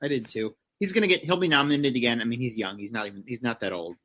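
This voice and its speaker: A man's voice: mid-range voice, fast talker, a bit bright. A man co-hosting a podcast, chatting casually about films in a blunt, sarcastic way and swearing freely. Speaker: podcast co-host. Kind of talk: casual chat about film awards.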